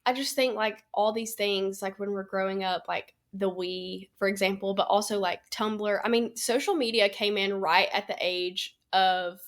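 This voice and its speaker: A woman's voice: mid-range voice, steady tone, normal speed, few pauses. Agreeable young woman guest. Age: 20s. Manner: agreeable, short backchannel replies. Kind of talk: casual chat.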